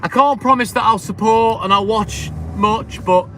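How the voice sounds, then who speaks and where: A man's voice: high voice, normal speed, pushed and bright, slight background noise. A man chatting casually and upbeat on a live stream, slangy and laughing often.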